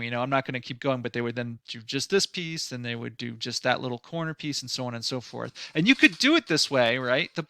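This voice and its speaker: A man walks through a software tutorial, thinking aloud as he clicks along. His voice is gravelly and bright, and the sound is close and dry. He talks loosely, with fillers, restarts and a mild sarcastic edge. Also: fairly high pitch, no room sound. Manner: mildly sarcastic at times. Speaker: design instructor. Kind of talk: screen-recorded software tutorial.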